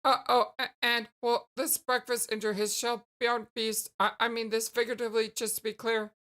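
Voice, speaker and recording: Woman as awkward, timid alien boy for a game; bright voice, flustered stutter, hesitant phrasing. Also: a little high, flat delivery, lightly acted. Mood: puzzled. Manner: stammering, halting, hesitant.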